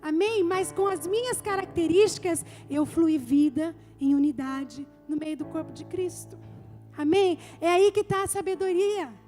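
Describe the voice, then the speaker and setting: A woman's voice: very high voice, measured pace, mellow, faint music behind. A woman pastor preaching a live church sermon, emphatic and building her points through repeated phrases. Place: church service.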